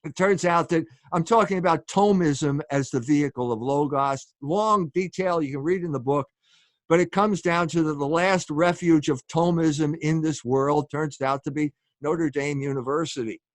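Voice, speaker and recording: A man's voice: a little high, moderate pace, no echo. A man giving a public lecture as a speaker and author, in an earnest, emphatic lecturing manner.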